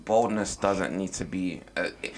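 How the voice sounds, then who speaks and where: A man's voice: deep voice, measured pace. A young man with a London roadman accent in casual banter, slangy and fond of repeated slogans, recorded with some noise. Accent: London, urban roadman slang. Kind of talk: casual banter between friends.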